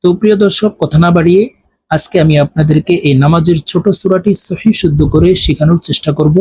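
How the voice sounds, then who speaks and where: A man teaching Quran recitation, spelling Arabic letter by letter and then chanting the verses slowly and drawn out. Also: a little high, warm tone, a little hiss or hum. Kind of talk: spelling lesson with slow recitation.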